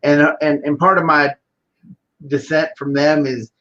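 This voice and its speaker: A business owner from Houston, whose first language is Spanish and who has a Texas accent, chats casually as an interview guest about his background. His voice is on the high side and fairly bright, level in tone and measured in pace, but the recording is muffled.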